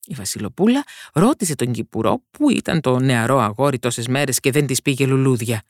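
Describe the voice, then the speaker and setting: A woman narrating a fairy tale for a podcast, expressive and switching voices for characters. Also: very deep voice, no room sound, clean studio sound. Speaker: storyteller.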